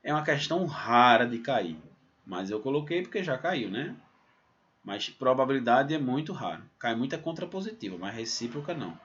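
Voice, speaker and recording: Lively male teacher with muffled sound. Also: mid-range voice, normal speed. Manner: lively, explains step by step, uses "ó" and "né?" as tags. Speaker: math teacher. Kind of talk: recorded exam-prep lesson. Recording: slightly dull, muffled sound.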